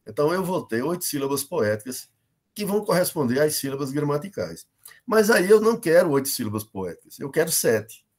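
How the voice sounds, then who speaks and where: A man's voice: fairly high pitch, a little mellow. Brazilian Northeastern man teaching a lesson. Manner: explanatory, many fillers and checks like "né?" and "beleza?". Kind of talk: online lecture on poetic meter.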